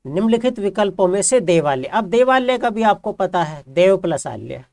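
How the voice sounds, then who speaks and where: A man's voice: sits high, very animated, moderate pace, creaky, darkish tone, no room sound, clean studio sound. A man teaching a grammar lesson who explains patiently and keeps asking his students questions, then answering them himself. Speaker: Hindi teacher.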